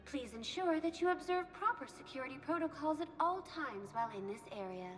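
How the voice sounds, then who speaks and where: A woman voicing a calm female virtual guide computer in a video game, speaking in a polite, measured way. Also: high-pitched, soft background music. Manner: polite, measured information-desk delivery.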